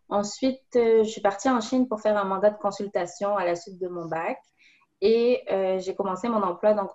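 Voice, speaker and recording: A woman's voice: mid-range voice, darkish tone, muffled recording. Young woman in her twenties as interview guest, upbeat explainer, mid-range voice, frequent fillers. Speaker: guest, professional order student advisor. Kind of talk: interview answers.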